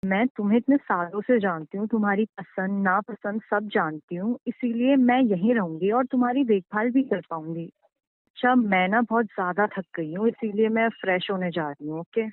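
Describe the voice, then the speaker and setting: A woman's voice: medium pitch, normal speed, no room sound. A woman playing a man's ex in a scripted couple drama, coolly insisting that she will move in. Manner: cool, pushy, matter-of-fact. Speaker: husband's ex in a staged call drama. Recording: tinny phone-line sound.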